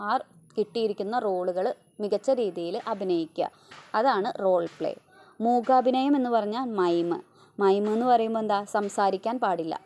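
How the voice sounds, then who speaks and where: A woman teacher giving an exam revision lesson, asking questions and answering them herself point by point. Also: mid-range voice. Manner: explains point by point, asks and answers her own questions.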